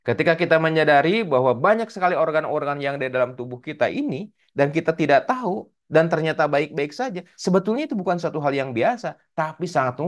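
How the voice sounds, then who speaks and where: A man in his forties with a Sundanese accent, giving an animated religious study lecture and addressing the audience directly. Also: a little high. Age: 40s. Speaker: speaker at a religious study session.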